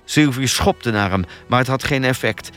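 A man narrating an audiobook thriller in a steady, expressive storytelling manner. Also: medium pitch, normal speed, soft background music.

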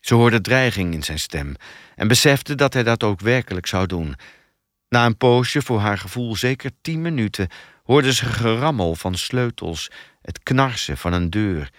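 Brief: male audiobook narrator, lowish voice, lively intonation, dry close sound. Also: a little slow, dry recording. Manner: expressive storytelling.

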